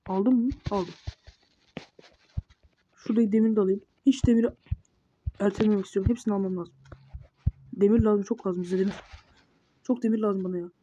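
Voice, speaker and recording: A woman's voice: mid-range voice, steady tone, brisk, pauses often, mellow. A woman keeps up a running, muttered commentary as she plays, telling herself what to do and scolding the monsters. Her voice sits in a middling range. The mic sounds dull and lo-fi, with noise and clicking keys underneath. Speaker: gamer. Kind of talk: casual gameplay commentary.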